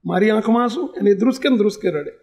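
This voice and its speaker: High pitched monk guy telling a story in his sermon, gets emotional and quiet. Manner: emotional, intimate, slows for emphasis.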